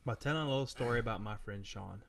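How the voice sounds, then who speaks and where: A man co-hosting a live chat show, telling a story in a relaxed, plain way. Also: fairly low pitch, fast, vocal fry. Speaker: co-host. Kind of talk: casual chat.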